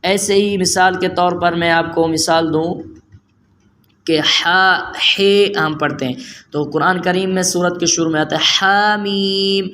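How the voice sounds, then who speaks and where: A man teaching a Quran reading lesson, explaining patiently, asking rhetorical questions and slowly drawing out letter sounds. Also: fairly high pitch, a bit bright, slight background noise. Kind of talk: spoken lesson on letter pronunciation.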